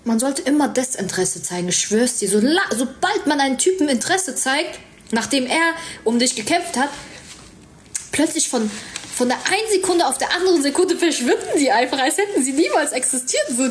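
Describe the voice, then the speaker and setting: A woman's voice: high-pitched, slight background noise. A young woman chatting casually on a livestream with a stuffy nose, thanking viewers and giving them advice. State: stuffy nose, sore throat.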